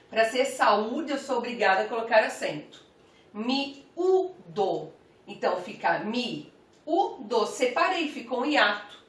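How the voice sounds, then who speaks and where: Slow, careful woman teacher. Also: on the high side, a bit bright. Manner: slow, careful, spells out each example word. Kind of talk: grammar lesson. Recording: roomy, from some distance off the mic.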